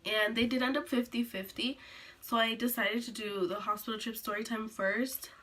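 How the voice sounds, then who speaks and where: A teenage girl telling a sit-down story to her camera, rambling with lots of "like"s and restarts, a little hoarse from being sick. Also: fairly high pitch, fairly even intonation, normal speed, fairly bright tone. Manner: rambling, filler-heavy, many "like"s and restarts. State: recovering from illness, coughing. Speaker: vlogger.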